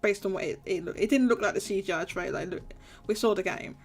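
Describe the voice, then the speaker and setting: A woman's voice: mid-range voice, fast talker, breathy edge, faint music behind. A woman co-hosting a gaming podcast, talking in casual chat and repeating herself emphatically when worked up. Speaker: podcast co-host.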